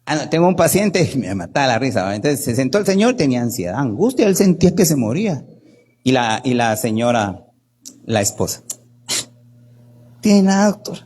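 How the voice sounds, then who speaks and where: In a brisk, husky, medium-pitched voice, a doctor gives an animated workshop in Guatemalan Spanish. He leans on "¿verdad?" often and plays out the people he quotes.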